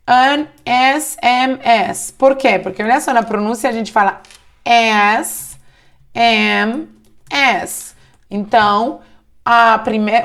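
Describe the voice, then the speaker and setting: A woman teaching English grammar in a slow, deliberate way, often checking in with the listener. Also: a little high. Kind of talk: online grammar lesson in Portuguese.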